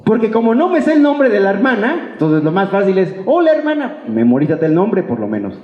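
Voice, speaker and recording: A pastor with a Mexican Spanish accent preaches an informal sermon to his church congregation, colloquial and playful, acting out imagined remarks and firing off rhetorical questions. His voice sits high with huge pitch swings and a fairly quick pace. The reverberant church hall gives the dull recording a long, echoey reverb.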